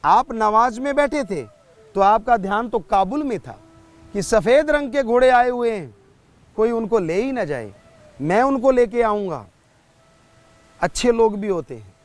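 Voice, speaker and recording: A man plays a serene old saint who smiles and explains patiently. He speaks in a high voice at a slow, unhurried pace. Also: lively intonation, no echo. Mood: explaining. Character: calm smiling male saint, gentle and wise.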